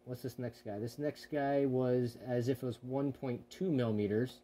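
A channel host who welds as a hobby chats offhandedly while working in his home garage, wandering off topic and frequently correcting himself. His voice is medium-pitched and a little mellow.

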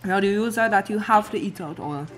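A man's voice: sits high, quick pace, a bit bright. A young man chatting casually in a challenge vlog, strained as if his mouth burns from spicy food. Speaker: challenge participant. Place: furnished room at home, indoors. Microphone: shared tabletop condenser mic. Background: music, clinking cutlery.

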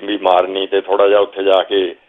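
A man's voice: low voice, completely flat delivery. Older man, Punjabi accent, reminiscing storyteller, thin phone-like audio. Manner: slow reminiscing storyteller, quotes himself calling instructions. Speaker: guest. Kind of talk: storytelling interview. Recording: phone-like narrow sound.

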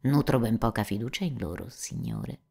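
A woman reading an audiobook voices a sly, servile male servant who talks in a smooth, unhurried, faintly ingratiating way. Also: rumbling low, wildly swooping pitch, darkish tone, full character voice. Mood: complaining.

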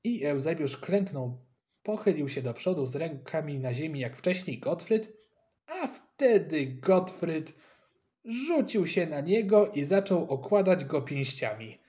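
A man reading a children's story aloud with lively, expressive narration. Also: fairly high pitch, measured pace.

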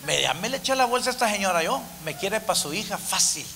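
A man's voice: high voice, fast talker, creaky. A man, a comedian telling stories on stage with stammering repeats. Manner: animated storytelling with stammering repeats. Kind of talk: stand-up comedy.

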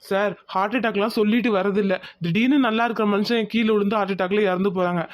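A woman voicing a calm male doctor who reassures a worried family in a cartoon. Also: medium pitch, fast, lightly acted. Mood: reassuring. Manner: reassuring, explanatory. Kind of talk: cartoon voice acting.

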